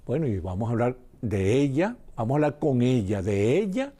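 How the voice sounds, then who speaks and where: A man hosting a television interview, introducing his guest and prompting her with lively questions. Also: medium pitch, normal speed. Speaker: TV host.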